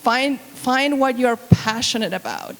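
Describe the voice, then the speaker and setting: A woman from Argentina speaks to students in a friendly tone, with a few light fillers. Her voice sits fairly high. Long hall reverb surrounds her. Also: measured pace, a bit bright. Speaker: banquet speaker, university researcher. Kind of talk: speech to students.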